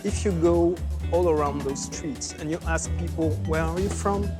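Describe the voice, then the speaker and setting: A man's voice: on the high side, moderate pace. A man with a French accent giving a casual interview, explaining in simple English and repeating phrases for emphasis. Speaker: filmmaker and sports writer, interviewee. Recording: music behind the talk.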